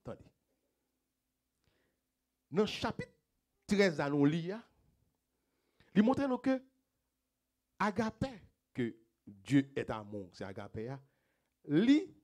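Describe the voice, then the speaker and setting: A man with a Haitian accent preaching a sermon as pastor, swinging between loud emphatic phrases and quiet low asides, with repeated rhetorical questions to the congregation. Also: very animated, takes it slowly, long pauses.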